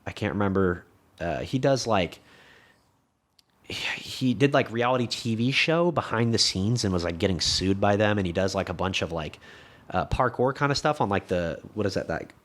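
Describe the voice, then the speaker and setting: A man's voice: on the low side, lively intonation, fairly quick, a bit bright. A young man with a slight lisp, a podcast guest talking casually and rambling, with lots of swearing and restarts. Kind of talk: casual conversation.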